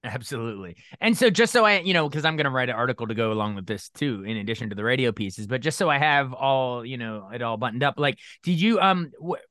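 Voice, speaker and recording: A man's voice: mid-range voice, lively intonation, bright, forceful tone, no echo, clean studio sound. A man interviewing a guest for radio, stumbling and repeating words as he shapes his questions. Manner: halting, repeats words while forming questions.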